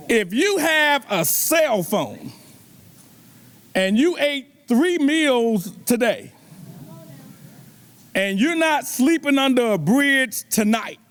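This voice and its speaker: Man, middle-aged, very high voice, unhurried, preacherly motivational speaker, rhetorical questions to the crowd. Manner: preacherly, repeatedly addresses the audience with rhetorical questions. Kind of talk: motivational keynote speech. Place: banquet event.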